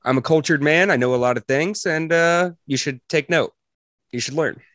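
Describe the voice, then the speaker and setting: A man's voice: on the high side, moderate pace, a bit bright, no echo, studio quality. A young man joking and teasing in casual banter with a friend, laughing often.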